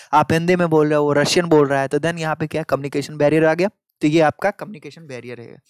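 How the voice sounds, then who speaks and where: Male tutor, a bit high voiced, slow read-outs then chatty explaining, dry close mic. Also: dry recording. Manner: reads English passages slowly, explains in chatty Hindi with fillers. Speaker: lecturer. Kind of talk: exam-paper lecture in Hindi-English mix.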